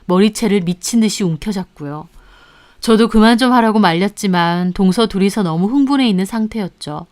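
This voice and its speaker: A woman tells a family drama in the first person, with a smooth, clear voice at a middle pitch. She recounts events calmly, in a confiding tone. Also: brisk. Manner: calm confiding retelling. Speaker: narrator. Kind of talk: first-person story narration.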